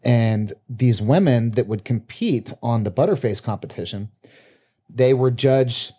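A man in casual podcast chat, rambling and profane, with halting restarts. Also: medium pitch, dark tone, breathy edge. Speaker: podcast co-host.

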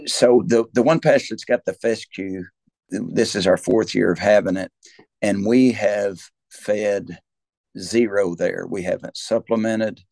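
Male rancher, rural US South accent, very low pitch, gravelly, folksy, repetitive conversational delivery. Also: fairly even intonation, measured pace, a little mellow, dry recording, rough recording. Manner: folksy, rambling, repeats words and restarts often. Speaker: cattle rancher, interview guest. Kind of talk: conversational explanation.

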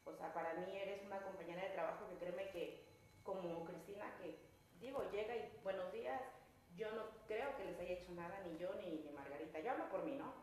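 A woman's voice: on the low side, a little fast, a little mellow. A woman employee frankly recounting a misunderstanding and apologizing for her blunt way of speaking. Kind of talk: explaining and apologizing in a staff meeting. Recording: echoey room, mic far off, faint noise.

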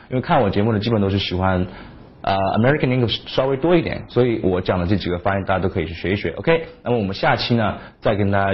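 A man's voice: sits low, husky. A man teaching English pronunciation in a casual, chatty lesson, dropping English example words into his talk. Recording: dull lo-fi sound.

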